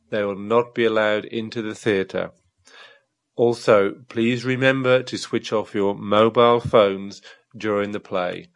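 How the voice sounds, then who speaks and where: A man reading scripted public announcements in a measured, formal way, with a few small hesitations. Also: on the low side, dry recording. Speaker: announcer in a listening exercise.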